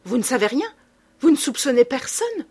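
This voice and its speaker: A woman voicing an agitated young male amateur sleuth in a storybook reading, urgent and excitable in his questioning. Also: medium pitch, normal speed, breathy edge. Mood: pressing.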